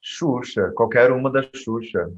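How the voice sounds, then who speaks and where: A male guest, a theater teacher and actor, chatting in a casual interview with a lively, expressive delivery. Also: medium pitch, measured pace. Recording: dull lo-fi audio.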